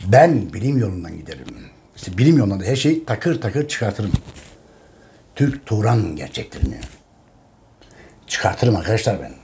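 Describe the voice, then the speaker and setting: A man's voice: lowish voice, sing-song, moderate pace, creaky, pauses often, dark tone, a little hiss or hum. A man in an impassioned monologue to his viewers, emphatic and urgent, repeating phrases and pleading with listeners. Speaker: channel host presenting his history book.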